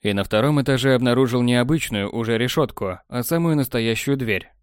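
A man narrating an audiobook in an even, measured storytelling voice. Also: mid-range voice, smooth, no echo. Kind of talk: scripted narration. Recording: dry close studio sound.

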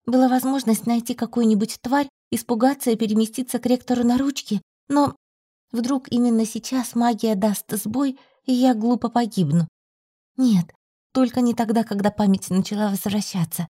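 A woman narrating an audiobook in the first person, with a soft, tense reading. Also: on the high side, fairly even intonation, normal speed, husky, no echo, studio quality.

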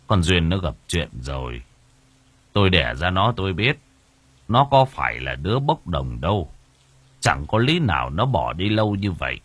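A man voicing an elderly village father, speaking low and brooding. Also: fairly bright tone, no echo, exaggerated voice.

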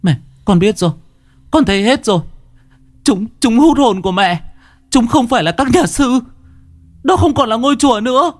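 A man's voice: medium pitch, sing-song, unhurried, long pauses, darkish tone, dry recording, pitched above the performer's own voice. A man voicing a frightened but stubborn young village girl who talks in an urgent, pleading way, in a storybook horror tale. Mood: frantic.

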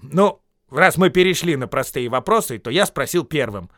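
Guy doing a pushy little hobbit yelling out, higher and louder than his narration. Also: animated, moderate pace, no echo, studio quality. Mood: insistent. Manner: calling out loudly, insistent. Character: small indignant male hobbit, insistent.

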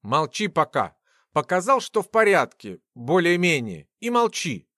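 A man voicing an angry young werewolf who barks short, gruff lines in an audiobook. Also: a little high, sing-song, measured pace, fairly bright tone, no echo, clean studio sound. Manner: growling, barking threats. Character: enraged young male werewolf, blunt and gruff.

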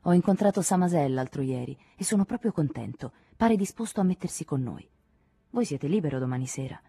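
A woman's voice: low-pitched, expressive, fairly quick, dark tone, husky, dry recording, heavily acted. Woman reading as a fervent middle-aged political thinker. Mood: insistent. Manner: insistent, persuasive.

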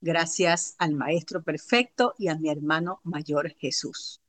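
A woman's voice: sits low, steady tone, takes it slowly. A woman from Ecuador, a guest author speaking earnestly and devoutly on a radio interview over a video call.

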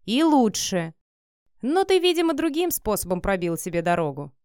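A woman's voice: mid-range voice, big pitch swings, moderate pace, darkish tone, clean tone, no echo, clean studio sound, lightly acted. A woman voicing a spiteful, jealous male coworker in an audiobook, with a sneering, hissing delivery.

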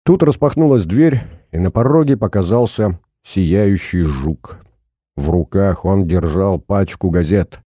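A man narrating a first-person audiobook in a steady, measured storytelling manner. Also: low-pitched, breathy edge, no echo, clean studio sound.

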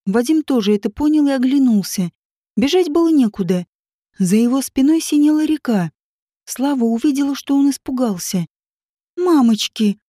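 A woman narrating an audiobook in a steady, even reading voice. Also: high voice, moderate pace, no room sound, clean studio sound.

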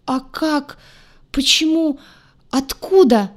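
Woman reading as jealous young alien redhead, shrill, indignant, raised and high. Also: slow pace. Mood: dismayed.

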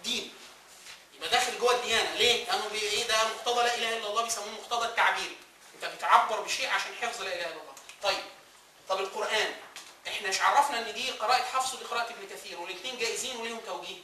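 Speaking very fast in a high, bright, forceful voice, this Egyptian-accented man lectures a class, throwing out questions and then answering them himself. He was captured from a distance in an echoey room, with slight background noise.

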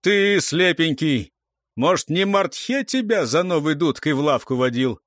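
A man's voice: a little high, expressive, a little slow, fairly bright tone, no echo, clean studio sound. A man reading the part of a stern old warrior who scolds and interrogates youngsters in an audiobook. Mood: scolding. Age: older. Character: stern old male warrior, sharp-tongued. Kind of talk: audiobook character voice.

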